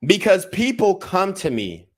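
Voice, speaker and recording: A man's voice: high-pitched, big pitch swings, unhurried. A young man giving a heated commentary rant on a livestream, repeating himself and restarting as he gets worked up. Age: young adult. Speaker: YouTube commentator.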